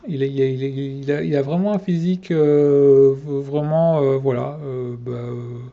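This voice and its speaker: A man's voice: mid-range voice, fairly even intonation, measured pace, dark tone, dull audio. A man ranking his favourite fitness channels in a casual vlog, hesitant and full of fillers and restarts.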